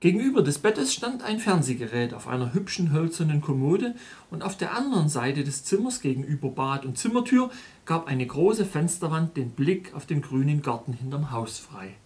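Man narrating a story, slightly high voice. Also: big pitch swings, a little mellow. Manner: measured, detailed storytelling. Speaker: podcast storyteller. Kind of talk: scripted first-person narration.

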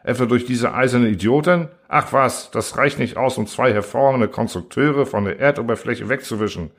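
A man voicing an impulsive, energetic inventor with a lively delivery. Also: medium pitch, moderate pace, natural voice. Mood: eager.

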